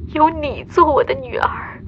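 In a muffled recording with slight background noise, a woman speaks a bit slowly in a high-pitched voice. She portrays a tender, emotional astronaut mother offering heartfelt words to her young daughter through a radio drama voice message.

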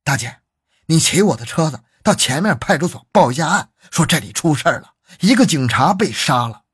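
A man voicing a brave young male factory worker who urgently asks a passer-by for help, in a husky voice. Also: on the high side, lively intonation, fairly quick, a bit bright, dry recording, studio quality, heavily acted.

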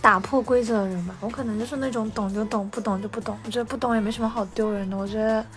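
A woman guest on a podcast, chatting casually and telling a story in a quick, animated way, often repeating words as she starts a sentence. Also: on the high side, soft background music. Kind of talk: casual chat, telling an anecdote.

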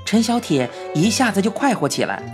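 A woman reading a children's story in the first person with a Beijing accent, lively and humorous. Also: medium pitch, fairly quick. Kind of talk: storybook narration. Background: faint music.

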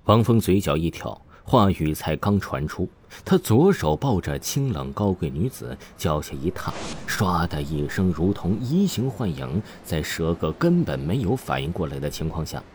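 A man narrates an audiobook in scripted, dramatic storytelling, voicing all the roles over soft background music. His low-pitched voice is very animated, at normal speed with hardly any pauses. There's a little hiss or hum.

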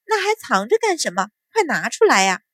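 A woman's voice: on the high side, expressive, moderate pace, no echo, studio quality. A woman voicing a mischievous young maid who teases and pesters eagerly. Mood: teasing. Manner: teasing, eager.

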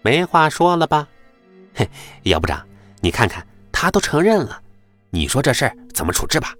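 A man's voice: lowish voice, wildly swooping pitch, normal speed, faint music behind, voice pushed up. A man voicing a scheming, fawning male office worker who twists the facts in a sly, mocking tone.

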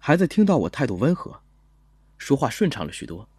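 Cast a calm young policeman narrating an audio drama, with a lively but husky voice and faint music behind. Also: mid-range voice, no echo. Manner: measured, gentle storytelling. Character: young male police officer, calm and gentle. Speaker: first-person narrator.

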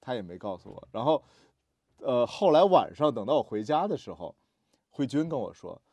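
A man with a dark, mellow voice chats casually about parenting. He tells his stories at an easy pace and drops in steady little sounds of agreement. The recording is dry and close. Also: medium pitch, moderate pace, breathy edge, dry recording. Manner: storytelling, frequent murmured agreement. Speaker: podcast co-host, father.

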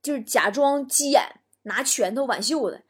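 A woman's voice: high-pitched, normal speed. A woman talk show host reading listener jokes aloud in a comic way, laughing between the bits. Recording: noisy recording.

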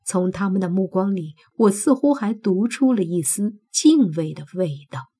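Husky-voiced woman narrating a novel. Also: mid-range voice, animated, normal speed, mellow. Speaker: audiobook narrator. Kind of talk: first-person novel narration.

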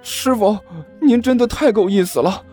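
A man voicing a frightened, whiny young male apprentice who pleads in a shrill, panicky voice in an audiobook. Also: animated, normal speed, darkish tone, soft background music. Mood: whining. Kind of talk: audiobook character voice.

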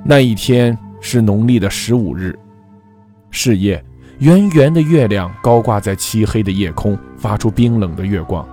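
A man's voice: on the low side, lively intonation, warm tone. Man narrating a ghost story over music. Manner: measured, dramatic storytelling.

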